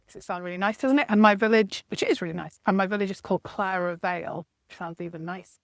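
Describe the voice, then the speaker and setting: A woman's voice: mid-range voice, quick pace, no room sound. Woman from northeast england, chatty, lots of "isn't it", dry close sound. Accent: northern English. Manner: chatty, laughing, rhetorical tag questions. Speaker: guest, creative coach. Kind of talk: casual chat.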